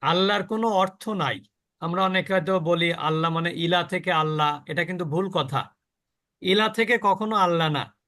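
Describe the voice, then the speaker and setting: A man's voice: high voice, bright, forceful tone. A man teaching a Quran pronunciation lesson, asking the class questions and drawing out the words he models. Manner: slow, explaining, asks questions of the class.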